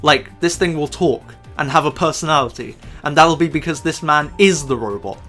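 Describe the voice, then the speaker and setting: A man's voice: fairly high pitch, moderate pace, sharp tone, faint music behind. A man ranting about a film in sarcastic, profane, exasperated commentary. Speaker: YouTube commentator.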